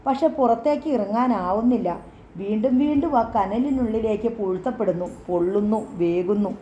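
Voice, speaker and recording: Woman audiobook narrator, mellow and dramatic, slightly dull, echoey recording. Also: medium pitch, a little hiss or hum. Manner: measured, dramatic storytelling. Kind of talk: scripted story narration.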